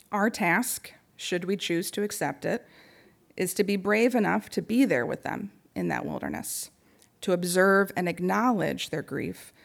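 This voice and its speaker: A young adult woman giving a prepared talk on supporting grieving people, speaking gently and pausing often. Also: on the low side, vocal fry.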